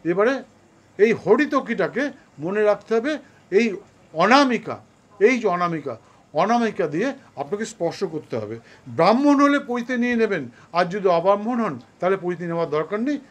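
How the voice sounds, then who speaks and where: High-pitched man, Kolkata Bengali accent, slow ritual teaching, chanted prayers. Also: sing-song. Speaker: astrologer and puja teacher. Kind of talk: instructional demonstration of a ritual.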